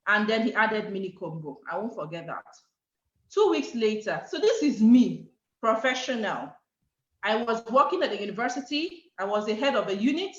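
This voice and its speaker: A woman's voice: mid-range voice, brisk. A middle-aged Nigerian woman with a Nigerian accent, telling her story as a guest speaker and acting out the dialogue. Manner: animated, acts out quoted dialogue. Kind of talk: storytelling talk. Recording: echoey, dull online call audio.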